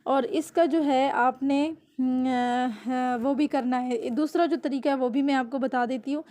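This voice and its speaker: A woman teaching Quran reading. She spells out letters slowly, syllable by syllable, then explains quickly, often checking with "theek hai?". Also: sits high, fairly even intonation, darkish tone, dry recording. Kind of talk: slow syllable-by-syllable recitation lesson.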